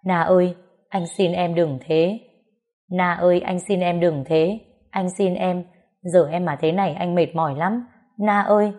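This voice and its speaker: A man's voice: sits high, measured pace. A woman voicing a pleading young husband. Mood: begging. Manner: begging, soft and pleading.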